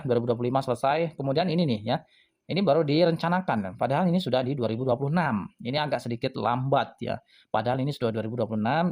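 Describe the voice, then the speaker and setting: A man's voice: mid-range voice, a little mellow. A man hosting a crypto channel, casually talking viewers through a project website, chatty and full of fillers. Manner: chatty, filler-heavy, addresses viewers as friends. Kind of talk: casual screen-walkthrough commentary.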